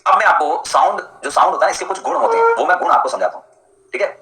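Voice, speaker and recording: A man's voice: a little high, huge pitch swings, quick pace, roomy sound, background noise. A male teacher giving a live online lecture in a chatty, jokey way, answering students by name as he explains.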